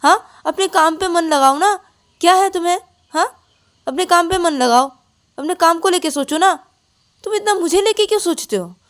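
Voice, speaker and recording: A lonely, anxious young woman who misses everyone at home. Her voice goes from quiet and hesitant to high, sharp scolding, as a woman storyteller puts her on. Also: steady tone, normal speed, close to an everyday voice. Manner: pleading, rises to sharp scolding. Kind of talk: storybook narration.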